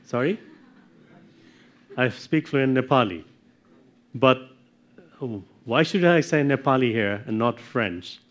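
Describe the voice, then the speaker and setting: A middle-aged man giving a technical lecture from slides, often checking in with "okay?" and clearing his throat. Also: medium pitch, lively intonation, slow, pauses often, fairly bright tone. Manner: explanatory, checks in with frequent "okay?". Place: darkened lecture room with projector screen.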